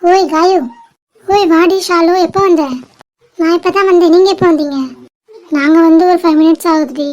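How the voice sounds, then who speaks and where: A young woman with a very high voice speaks in a level, narrow tone. She plays family members in a tender, emotional homemade audio drama. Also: fairly even intonation, moderate pace, long pauses, a little mellow. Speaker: creator voicing family characters.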